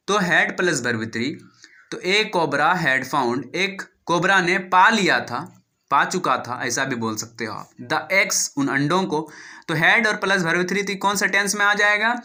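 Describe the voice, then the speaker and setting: A man with an Indian accent reads an English story one phrase at a time, spells out words letter by letter and quizzes himself on the meanings. His voice is very bright and sits a little high for a man. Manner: explains slowly, asks and answers his own questions. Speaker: English teacher. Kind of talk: line-by-line reading and translation lesson.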